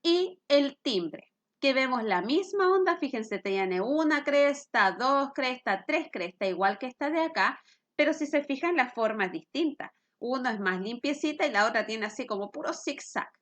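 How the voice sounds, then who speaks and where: Middle-aged woman teacher, high voice, patient and explanatory, keeps asking the class if they follow. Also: animated, normal speed, fairly bright tone. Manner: patient, explains with questions to students. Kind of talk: recorded physics lesson.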